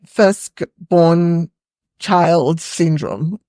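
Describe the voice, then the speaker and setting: A woman's voice: on the low side, very slow, dark tone, no echo, clean studio sound. A woman from Nigeria with a Nigerian accent, a podcast guest reflecting on her past in casual conversation. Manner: reflective, recalling memories at an easy pace. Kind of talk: casual interview chat.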